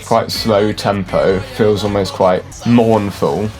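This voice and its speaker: Brief: very low-voiced male music reactor, casual and analytical, hedges a lot, faint music under him. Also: steady tone, takes it slowly, darkish tone. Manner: chatty, hedging, filler "like", musical terms. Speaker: classically trained musician reacting to songs. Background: faint music from the reacted video.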